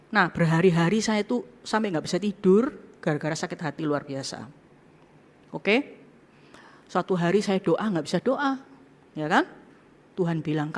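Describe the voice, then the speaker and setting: A woman pastor preaching a sermon in a casual, conversational way, often acting out quoted speech. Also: lowish voice. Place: church hall. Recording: long hall reverb.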